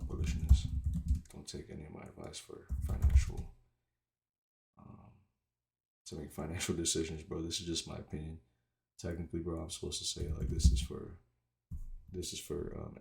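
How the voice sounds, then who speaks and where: Guy talking with retainers in so a bit of a lisp, super creaky fry, pretty monotone, casual halting commentary. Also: extremely low pitch. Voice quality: slight lisp from wearing retainers. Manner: informal, halting, thinking aloud. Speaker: trader doing market analysis. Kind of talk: casual screen-share commentary.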